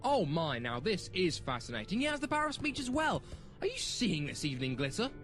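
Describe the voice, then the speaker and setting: A man playing an eccentric, excitable alien doctor in pony form in a fan audio drama, theatrical and whimsical, full of exclamations. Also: sits high, fairly quick, faint music behind, exaggerated voice. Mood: delighted, curious. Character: eccentric, excitable male time-travelling alien doctor turned cartoon pony.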